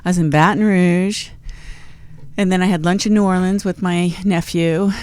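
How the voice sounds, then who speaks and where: Lady radio host rambling on in the studio, lowish voice, jokey. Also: steady tone, moderate pace, darkish tone, clean tone, no echo. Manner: chatty, rambling, lightly joking. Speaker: show host. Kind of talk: casual radio talk show chat. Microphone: studio mic with headphones.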